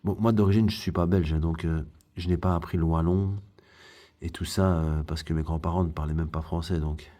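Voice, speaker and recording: A man gives a casual hands-on tutorial. His voice sits deep and mellow. He rambles, jokes, and fills pauses freely. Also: steady tone. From Belgium. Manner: rambling, joking, chatty with many fillers. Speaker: aquarium hobby tutorial host.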